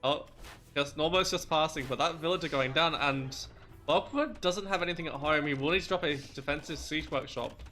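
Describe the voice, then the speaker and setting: A man's voice: on the high side, a little fast, bright, forceful tone, faint music behind. A man commentating a live strategy game match, breaking down plays analytically and laughing often. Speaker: esports caster.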